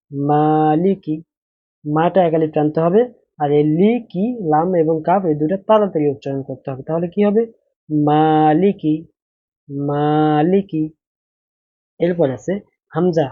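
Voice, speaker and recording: A man's voice: a little high, dry recording, narrow, tinny audio. A man teaching Quran reading in Bangla, spelling out letters and vowel marks in a patient, repetitive drill and asking rhetorical questions as he explains. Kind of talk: Quran recitation lesson.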